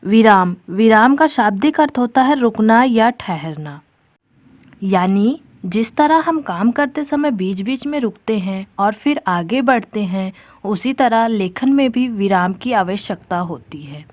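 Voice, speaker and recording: A woman's voice: medium pitch, expressive, unhurried, dry recording. A woman teacher explaining a grammar topic step by step for exam preparation, addressing viewers directly as friends. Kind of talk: exam-prep grammar lesson.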